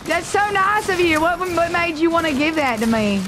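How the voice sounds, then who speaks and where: Playful high-voiced woman streaming a game. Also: animated, moderate pace. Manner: playful, teasing and dramatic. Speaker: gaming streamer. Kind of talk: casual game chat. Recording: noisy game audio behind voice.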